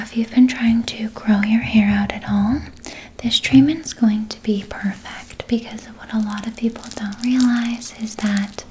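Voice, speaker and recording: A woman playing a gentle, caring spa hair therapist in a whispered role-play, speaking in a soft breathy whisper and reassuring her client as she explains. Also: medium pitch, a little hiss or hum, natural voice, rough recording. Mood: gentle, attentive.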